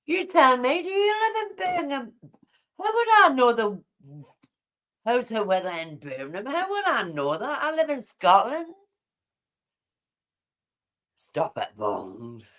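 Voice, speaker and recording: Slow-talking woman. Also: high voice, huge pitch swings, pushed and bright. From Newcastle, England. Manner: rambling, chatty, answers viewers' comments aloud. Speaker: livestreamer chatting with viewers. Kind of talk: casual chat.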